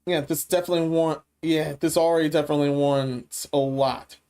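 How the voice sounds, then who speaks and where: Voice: mid-range voice, steady tone, fairly quick, darkish tone, clean tone. Tired, blunt commentary host. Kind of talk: casual commentary.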